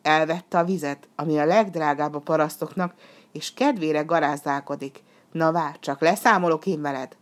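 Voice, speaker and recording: A woman's voice: low voice, steady tone, lightly acted. A woman voicing a brave, cheerful young boy hero in a storybook reading, bold and eager. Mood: defiant.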